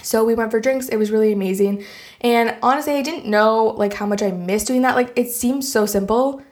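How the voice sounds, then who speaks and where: A woman's voice: on the high side, brisk. A woman with a Canadian accent hosting a solo podcast in a casual, chatty, enthusiastic and informal way. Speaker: podcast host.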